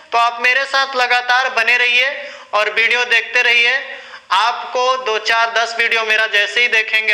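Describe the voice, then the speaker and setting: A man's voice: extremely high pitch, bright, forceful tone, echoey room, rough recording. A man teaching a maths lesson, patient and asking and answering his own questions as he talks students through sums. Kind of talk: classroom lesson explaining sums.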